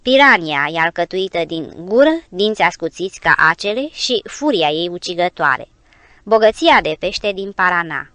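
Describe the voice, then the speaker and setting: A woman narrating an audiobook adventure tale in measured, expressive storytelling. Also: fairly low pitch, no room sound.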